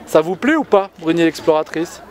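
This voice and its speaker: A man's voice: fairly high pitch, lively intonation, normal speed, darkish tone. A man off camera asking playfully formal, reporter-like interview questions outdoors.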